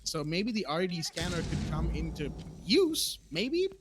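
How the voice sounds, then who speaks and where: A man doing play-by-play esports commentary who gets excitable and loud when the action picks up. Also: moderate pace. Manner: excitable, voice jumps high in big plays. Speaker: esports caster.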